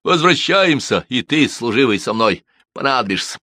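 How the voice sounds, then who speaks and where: A man voicing an impatient, commanding gentleman who barks loud orders. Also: medium pitch, big pitch swings, moderate pace, no room sound, clean studio sound, pitched above the performer's own voice.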